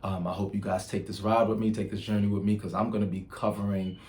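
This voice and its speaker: Talking fast with little pitch movement, a Nigerian man with a low, darkish voice hosts his own channel in a casual vlog monologue. His storytelling is chatty and full of ums and restarts, and a little hiss or hum is audible.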